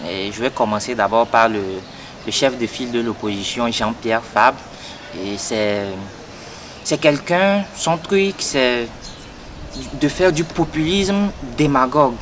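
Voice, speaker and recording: A man's voice: medium pitch, takes it slowly. A young man, giving an earnest political statement for an interview and hesitating often with fillers and repeated words. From Togo. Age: 20s. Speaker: young party activist. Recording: noisy outdoor street recording.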